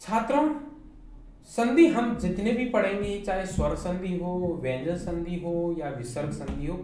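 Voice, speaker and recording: A woman teacher with a Hindi accent lectures slowly and patiently, her pitch rising and falling in a lively way. She walks her students through each point with rhetorical questions. The recording sounds very echoey, with faint noise behind her. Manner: slow, explains step by step with rhetorical questions to students. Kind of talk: online class lecture.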